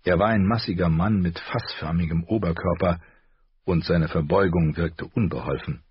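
A man narrating an audiobook with a steady, measured reading. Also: low voice, slightly rough, dry recording. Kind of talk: scripted narration. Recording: slightly dull, dry audio.

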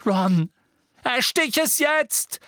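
A man's voice: high-pitched, animated, unhurried, breathy edge, no echo, studio quality, voice pushed up, full character voice. Audiobook casting: frantic teenage wizard, raised strained voice, voiced by a male reader. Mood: shouting. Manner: pleading, then shouting urgently. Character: desperate teenage boy wizard urging his friend.

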